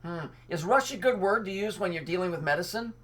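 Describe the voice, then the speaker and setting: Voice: mid-range voice, expressive, fairly quick, fairly bright tone. A commentator giving an angry monologue, reading out news and cutting in with sarcastic, profane remarks. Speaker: online commentator.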